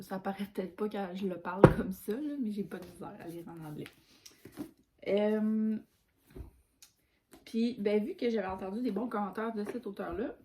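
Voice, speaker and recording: A woman's voice: mid-range voice, warm tone, a little hiss or hum. Chatty young woman with a Québécois accent. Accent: Québécois French. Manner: chatty and informal, with colloquial phrasing. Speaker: book vlogger. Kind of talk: casual chat about books.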